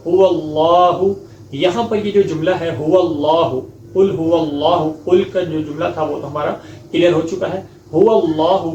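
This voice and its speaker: High-voiced man teaching Quran recitation. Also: darkish tone, echoey room, a little hiss or hum, rough recording. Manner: explains slowly, then recites verses in a slow melodic chant; repeats "ٹھیک ہے؟" to check understanding. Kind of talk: step-by-step recitation lesson.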